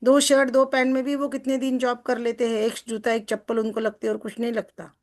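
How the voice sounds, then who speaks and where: A woman success coach explaining a text to a group in a chatty way, often asking listeners for agreement and slowing down to read passages aloud. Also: on the high side, flat delivery, darkish tone. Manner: chatty, asks listeners for agreement with tag questions; slows down when reading passages aloud.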